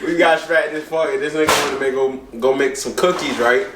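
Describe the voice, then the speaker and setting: A man's voice: mid-range voice, fairly even intonation, fairly quick. A young man chatting casually with friends, swearing and using heavy slang, often laughing and repeating himself. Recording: echoey room with noise and clicks.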